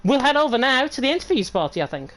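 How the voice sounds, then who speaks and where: A woman's voice: high-pitched, big pitch swings, quick pace, a bit bright, poor audio. A woman commentating live on an online racing league, chatty and upbeat as she runs through the results. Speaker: race commentator. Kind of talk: live esports race commentary.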